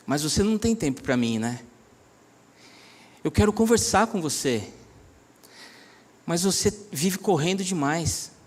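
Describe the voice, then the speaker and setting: A man voicing God, speaking softly and intimately to a weary man, calling him "bro". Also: on the high side, lively intonation, a little slow, pauses often, breathy edge. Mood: tender. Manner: soft, calling the listener "bro" affectionately.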